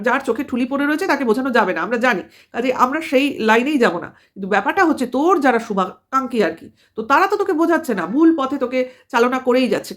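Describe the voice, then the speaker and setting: Fast-talking combative woman vlogger. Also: high-pitched, fairly bright tone. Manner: combative, lecturing with rhetorical questions. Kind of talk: commentary monologue to camera.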